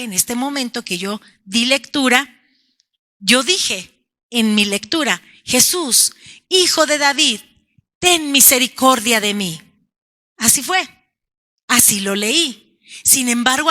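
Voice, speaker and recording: A woman pastor, preaching a sermon to her congregation with emphatic delivery. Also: sits high. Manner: preaching emphatically, calling out lines as shouts; addresses congregation as brothers and sisters. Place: church.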